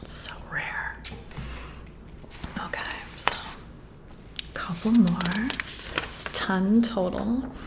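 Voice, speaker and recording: Her mid-range voice is steady and creaky as she whispers breathily close to the mic, playing a flirtatious boss who is intrigued while giving a personality test. The ASMR roleplay unfolds slowly, her tone admiring and softly hesitant.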